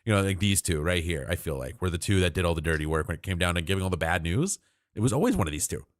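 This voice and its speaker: Guy hosting a politics stream, talks fast and low, rambly, lots of fillers, dry close sound. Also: expressive, no room sound. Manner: rambling, filler-heavy, restarts often. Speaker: livestream host. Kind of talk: casual political chat.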